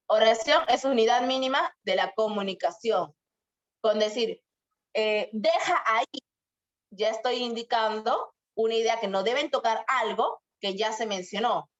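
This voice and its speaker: A young woman teaching a grammar lesson to school students, asking questions and drawing out her examples. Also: on the high side. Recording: muffled lo-fi sound.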